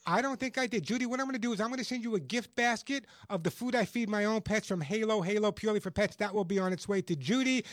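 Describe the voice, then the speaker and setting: An American man with a high-pitched voice works as a radio host and pitchman. He speaks in a dry, close studio sound and drives points home with emphatic, salesman-like repetition. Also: fast talker, few pauses, no echo. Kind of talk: radio call-in advice and self-read product pitch.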